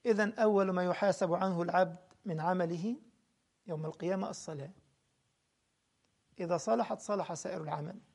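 A man's voice: high voice, fairly quick, creaky, pauses often, a little mellow. A man with an Egyptian Arabic accent giving a religious lesson and answering questions from a live stream. He speaks earnestly, addresses his listeners directly and repeats his points. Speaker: religious teacher.

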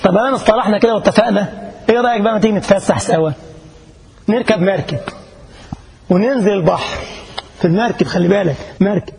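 A man's voice: high-pitched, quick pace, creaky, long pauses, a crowd in the background. A middle-aged man with an Egyptian Arabic accent, preaching a sermon, telling stories and asking the congregation rhetorical questions with emphasis. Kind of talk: mosque sermon with storytelling.

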